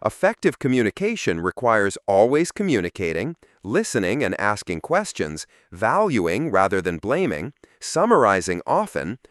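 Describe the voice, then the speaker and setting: A man reading a scripted explanation in an even, explanatory delivery. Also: on the low side, moderate pace, few pauses, dry recording, clean studio sound. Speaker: narrator. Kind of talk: scripted narration.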